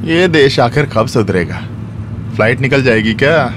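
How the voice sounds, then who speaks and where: A man's voice: medium pitch, moderate pace, close to an everyday voice. A man voicing a departing emigrant, teasing. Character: man in his forties leaving home to work abroad. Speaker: dubbing actor. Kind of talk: Hindi film dubbing.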